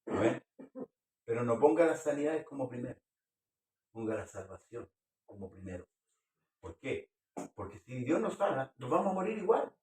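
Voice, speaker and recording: A man's voice: medium pitch, sing-song, normal speed, pauses often, darkish tone. Male pastor giving an earnest sermon with questions, recorded far off in an echoey hall. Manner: earnest preaching, questions to the congregation. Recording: echoey room, far from the mic.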